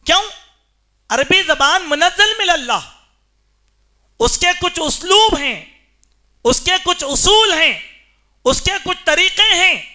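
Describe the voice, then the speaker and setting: Man preaching, very high pitch, emphatic questions to the congregation. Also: very animated, long pauses, pushed and bright. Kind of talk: Friday sermon. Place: mosque.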